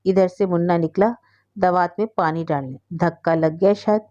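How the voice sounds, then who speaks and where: A woman reads a story aloud in a steady, expressive way. Her voice is mellow and warm, and the recording has a slightly dull, lo-fi sound. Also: fairly low pitch, normal speed.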